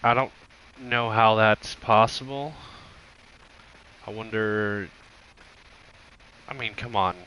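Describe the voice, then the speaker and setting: A tired man recovering from illness, talking through laid-back gameplay commentary in a deliberately monotone, subdued way. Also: fairly low pitch, lo-fi sound, a little hiss or hum. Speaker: gaming streamer.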